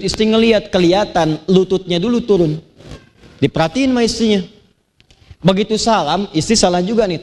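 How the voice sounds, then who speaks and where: A man from Banten preaching to an audience, telling lively stories and chanting Quranic verses. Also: high voice. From Banten, Indonesia. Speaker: Islamic preacher. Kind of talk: sermon to a live audience.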